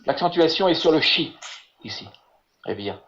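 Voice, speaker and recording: A man teaching Hebrew in an online lesson over a video call. He talks haltingly, repeating words and filling with "voilà". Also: a little high, lively intonation. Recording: muffled lo-fi web call audio.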